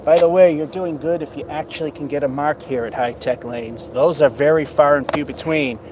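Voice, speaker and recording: A man's voice: fairly high pitch, moderate pace. Man keeping score outdoors. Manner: chatty, wry asides while keeping score. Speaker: bowler filming himself. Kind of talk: casual running commentary. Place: outdoor parking lot. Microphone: camera on a stand, away from him. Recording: outdoor camera mic with background noise.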